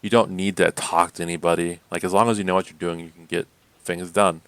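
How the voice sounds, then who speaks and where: A man co-hosting a podcast, chatting casually about games in a rambling way, full of fillers and quick laughs. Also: low-pitched, little pitch movement, clear, resonant tone, no echo. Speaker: podcast co-host. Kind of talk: casual gaming chat.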